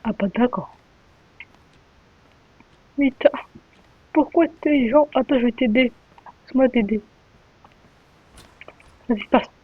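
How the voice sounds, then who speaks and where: A woman giving excitable gameplay commentary as a streamer, full of sudden exclamations. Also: on the high side, slow, long pauses. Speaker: gaming streamer. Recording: dull lo-fi mic.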